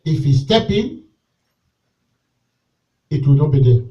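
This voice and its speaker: A man preaching at a church service with a noticeably high voice. He leads call-and-response lines and swings from shouted exhortation to soft pleading. The sound is picked up from some distance away. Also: animated, slow, lo-fi sound. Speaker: pastor.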